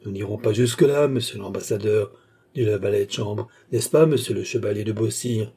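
A shrewd, unflappable manservant in a storybook read-aloud, voiced by a man. The voice is mellow and slightly husky, level and matter-of-fact. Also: on the low side, fairly quick. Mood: calm. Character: shrewd, cool-headed male valet accomplice.

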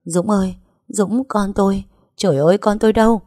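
Một người phụ nữ đọc truyện lồng tiếng một bà mẹ lớn tuổi đang hoảng loạn, gào hỏi dồn dập. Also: female voice, medium pitch, fairly quick, warm tone, no echo, studio quality, pitched above the performer's own voice, close to an everyday voice. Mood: frantic. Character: frantic older mother, shrill and desperate.

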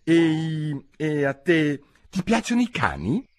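A man's voice: fairly high pitch, big pitch swings, slow, voice pushed up. A man voicing a well-meaning, talkative young girl in an audiobook, raising his voice to sound girlish. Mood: chatty. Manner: eager, chattering, tactless.

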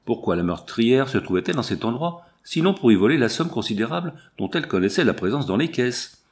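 A man's voice: medium pitch, big pitch swings, a little fast. Strict old-school judge type, firm and sure of himself, voice rises and falls a lot, done by a male narrator. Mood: stern. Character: stern, self-assured male examining magistrate.

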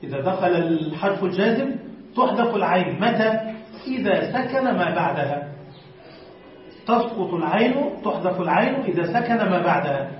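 High-voiced male teacher in an echoey room. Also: expressive, moderate pace, a little hiss or hum. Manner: explains step by step, quizzes students, drags out example words. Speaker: teacher of Arabic morphology. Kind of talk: classroom lesson. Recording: echoey room, distant dull lo-fi mic.

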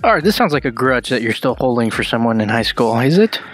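A man hosting a radio talk show in casual chat, teasing his co-host with quick banter and frequent laughs. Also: medium pitch, very animated, soft background music.

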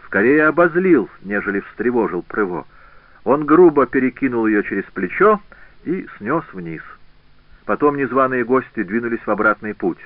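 A man narrating a historical novel as an audiobook in a measured, expressive reading. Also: fairly low pitch, no echo. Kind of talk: scripted narration. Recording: tinny phone-like band, dry.

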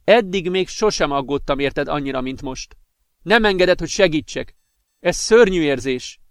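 A man's voice: a little high, lively intonation, clean tone, no echo, studio quality. Man voicing a pleading young blonde woman. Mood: worried pleading. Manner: pleading, pained. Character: worried young blonde woman, caring girlfriend.

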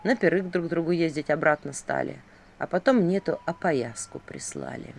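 Woman voicing a low brooding prince. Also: expressive, vocal fry, heavily acted. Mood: weary. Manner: slow, low, heavy storytelling voice. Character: grieving brooding male prince, heavy-hearted.

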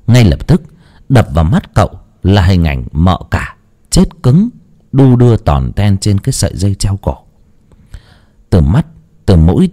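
A man narrating a horror story in a dramatic, drawn-out way. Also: low voice, mellow.

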